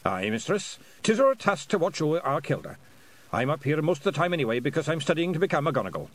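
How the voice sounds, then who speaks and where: An eager young pixie speaks in a brisk Scottish lilt, pitched well above the reader's own voice, as a man puts him on. His voice bounces up and down. He sounds keen to please. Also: very animated. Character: eager young male Feagle pixie, would-be bard.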